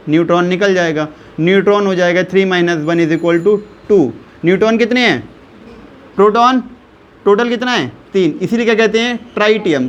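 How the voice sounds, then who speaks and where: An Indian man with a high voice delivers a chemistry lesson, slowing down to work through each value one step at a time. He repeatedly quizzes his listeners and echoes key terms back to them. The sound is slightly bright, with the top end cut off.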